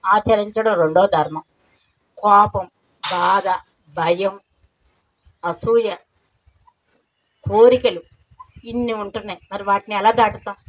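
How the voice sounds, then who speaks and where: A middle-aged woman giving a spiritual meditation class in an earnest, preaching way, full of rhetorical questions. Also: medium pitch. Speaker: meditation teacher. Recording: dull lo-fi recording, faint noise.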